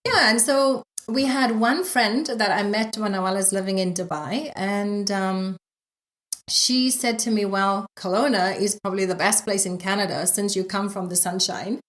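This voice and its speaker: A woman's voice: mid-range voice, moderate pace, fairly bright tone. A middle-aged woman from South Africa with a South African accent, telling her story casually as an interview guest, with frequent fillers and light laughs. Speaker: guest, yoga instructor.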